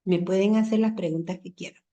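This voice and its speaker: A woman teaching a university language class online through a computer mic, patient and explanatory, repeating examples slowly and asking the class rhetorical questions. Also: lowish voice, fairly even intonation, mellow. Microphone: computer mic in a video call.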